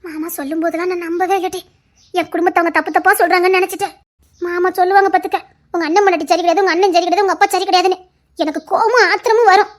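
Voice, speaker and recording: A woman's voice: extremely high pitch, steady tone, very fast. A woman voicing a grieving middle-aged aunt who laments and sobs as she longs for her husband. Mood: bitter regret. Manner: lamenting, sobbing. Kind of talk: one-voice family drama acting.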